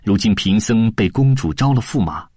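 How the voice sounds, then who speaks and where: Timid pious monk, read by a man; pleading, flustered, husky with lively pitch. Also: moderate pace, no room sound, studio quality. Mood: deferential. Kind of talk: storybook audiobook voice acting.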